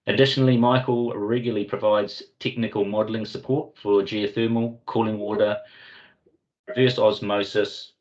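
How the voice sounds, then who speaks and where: A man with a New Zealand Kiwi accent hosting a webinar, giving a formal, measured corporate introduction. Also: lowish voice. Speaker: webinar host and company commercial lead. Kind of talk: semi-scripted corporate presentation introduction. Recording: dull, lo-fi online meeting audio.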